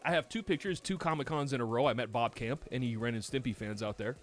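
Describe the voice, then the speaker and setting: A man with a New York accent, hosting a podcast and telling stories in casual chat, animated and swearing freely. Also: mid-range voice, quick pace, faint music behind. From United States. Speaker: podcast host.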